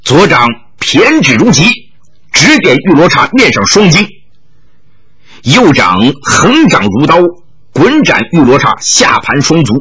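A male storyteller narrates a martial arts tale with dramatic flair. His voice is bright and husky. His pitch rises and falls in wide, lively swings. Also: a little slow. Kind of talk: wuxia novel storytelling.

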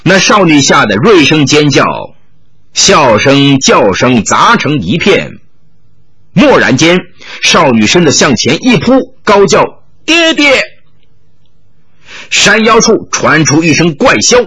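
A man's voice: a little high, sing-song, measured pace, fairly bright tone, breathy edge. A man narrating a martial arts novel in a dramatic, vivid storytelling style.

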